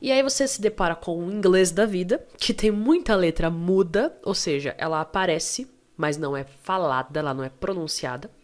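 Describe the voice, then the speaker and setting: A Brazilian woman with a Brazilian Portuguese accent, teaching an online English lesson in a chatty, coaxing way and checking in with quick tag questions. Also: lowish voice, darkish tone.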